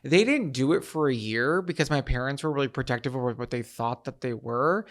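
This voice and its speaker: Young guy cohosting a podcast, chatty and animated, close boom mic in a little studio room. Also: a little fast. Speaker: podcast co-host. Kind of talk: casual chat. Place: small decorated indoor studio room. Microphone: boom-arm microphone close up.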